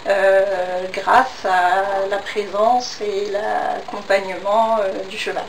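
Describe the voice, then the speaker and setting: A woman answering interview questions casually, often pausing mid-phrase as she looks for words. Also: mid-range voice, flat delivery, far from the mic. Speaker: interview guest, horse-assisted therapist. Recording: roomy echo, off-mic, faint noise.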